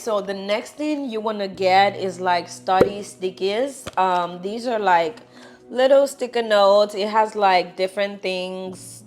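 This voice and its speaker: A young woman with a Nigerian accent, chatting casually and encouragingly as she walks through her Bible study tips. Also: on the low side. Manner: chatty, encouraging, lively asides. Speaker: vlogger.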